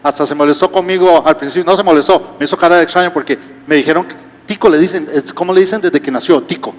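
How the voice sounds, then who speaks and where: Storytelling pastor in a reverberant church. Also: male voice, on the high side, quick pace. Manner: storytelling, rhetorical questions, humorous asides. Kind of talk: sermon. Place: church auditorium.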